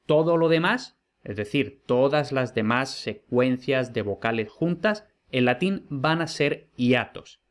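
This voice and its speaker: A man from Spain, explaining the rules step by step like a patient teacher. He speaks at a middle pitch, asks his viewers rhetorical questions and then answers them himself. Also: expressive, measured pace, hardly any pauses. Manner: clear, methodical, uses rhetorical questions. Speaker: Latin teacher. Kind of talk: explanatory online lesson.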